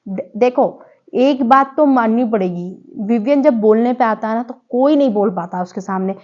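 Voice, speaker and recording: A woman's voice: fairly high pitch, moderate pace. A woman giving a chatty, opinionated casual review of a TV show, scolding people now and then and restarting words mid-sentence. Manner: opinionated, scolding asides to contestants. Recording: dull lo-fi sound.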